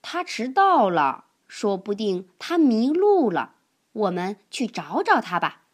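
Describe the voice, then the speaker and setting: Storybook elephant heroine, kind and teasing, lively rising tone, unhurried; a woman reads her. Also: mid-range voice. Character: kind checkered female elephant, playful leader.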